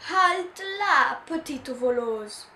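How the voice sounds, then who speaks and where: A woman reading a storybook aloud, voicing an angry middle-aged Italian grocer who shouts and scolds. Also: high voice, expressive, slow pace, roomy sound, slight background noise, voice pushed up, heavily acted. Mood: furious. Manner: shouting, scolding, theatrical outbursts.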